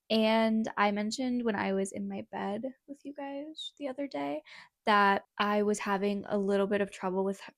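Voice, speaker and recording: In a casual vlog chat, a writing vlogger in her twenties rambles and jokes at her own expense while filming on her phone. She is in her bedroom in her parents' suburban home, and her medium-pitched voice comes through dry and clean, like a studio.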